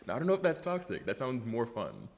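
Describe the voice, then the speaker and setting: A man's voice: mid-range voice, wildly swooping pitch, fast, creaky, long reverb tail. A man hosting a studio interview, asking light teasing questions and laughing easily. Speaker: podcast host. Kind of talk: casual interview.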